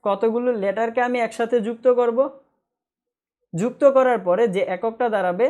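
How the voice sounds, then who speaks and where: Female grammar teacher, slightly high voice, call-and-answer drilling, stern about pointless comments. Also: a little mellow. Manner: asks the class questions and answers them herself; repeats key points slowly. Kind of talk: online grammar lecture.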